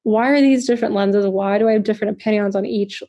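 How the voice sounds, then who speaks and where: A woman's voice: medium pitch, fairly even intonation, mellow. A woman in her twenties, a podcast guest in casual chat, reflective and full of fillers. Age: 20s. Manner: reflective, filler-heavy, quick agreeing interjections.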